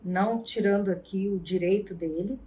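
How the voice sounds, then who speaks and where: A woman hosting a vlog and giving advice on arguments, telling stories with lively acted-out quotes. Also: mid-range voice, normal speed. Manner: animated storyteller, acts out quotes. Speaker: vlog host and relationship advisor. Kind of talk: casual advice talk.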